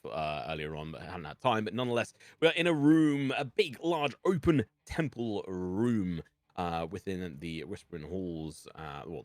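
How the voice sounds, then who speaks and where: A man's voice: low voice, fairly bright tone, no echo. A man narrating as game master of a live-streamed tabletop game, rambling with many fillers, his voice a little weak. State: slightly weak voice. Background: faint music.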